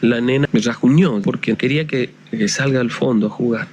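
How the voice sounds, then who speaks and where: A man's voice: medium pitch, fairly quick, darkish tone, muffled recording, a little hiss or hum, lightly acted. A man voicing a frightened little girl, plaintive and insistent.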